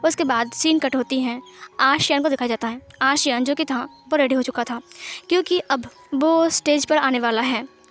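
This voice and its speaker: A woman retells a fan fiction story in a casual, steady way, voicing the dialogue herself. Her voice sits high, and faint music plays behind her. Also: normal speed. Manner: plain, steady narration that also voices the dialogue lines.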